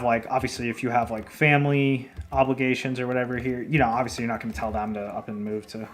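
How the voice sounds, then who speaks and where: A foreign man living in Japan, an indie game developer, speaks Japanese with a non-native accent in a mid-range, fairly bright voice. He rambles loosely through a casual livestream, answering chat, laughing often and swearing casually.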